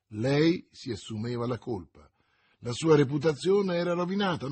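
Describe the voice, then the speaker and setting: A man narrates a novel in a measured, expressive reading. His voice is husky and slightly breathy. He sounds like an audiobook narrator. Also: medium pitch. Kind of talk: scripted narration.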